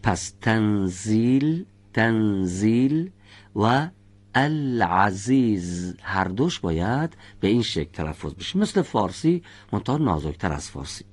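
A man with a somewhat low voice leads a recitation class. He speaks patiently, stops to correct students, and carefully sounds out letters to show how they should be pronounced. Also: big pitch swings, husky. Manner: corrects pronunciation slowly, demonstrating sounds by example. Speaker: Quran recitation teacher.

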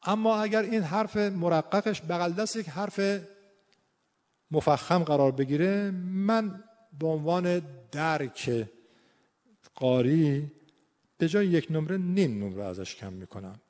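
Guy teaching tajwid, slightly high voice, stretches out example words, long echo. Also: lively intonation, darkish tone. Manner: explanatory, drawn-out demonstrations of sounds. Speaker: Quran recitation teacher. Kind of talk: tajwid lesson on scoring recitation. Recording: long hall reverb.

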